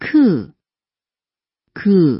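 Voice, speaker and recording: A woman reading single syllables aloud with very careful, deliberate articulation as a model for learners to repeat. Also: no room sound, dull audio. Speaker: pronunciation model voice on the lesson audio.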